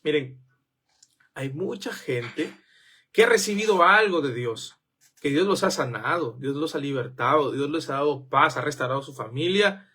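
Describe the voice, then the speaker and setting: A man's voice: fairly high pitch, animated, normal speed, pushed and bright, slightly rough. A man preaching a sermon, firing off rhetorical questions and acting out the voices of the people he quotes.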